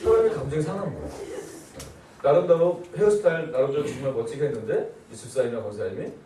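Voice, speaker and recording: A man, a pastor, giving a lively church seminar and acting out nagging quotes in shrill voices. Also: fast, roomy sound, recorded from a distance. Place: church hall.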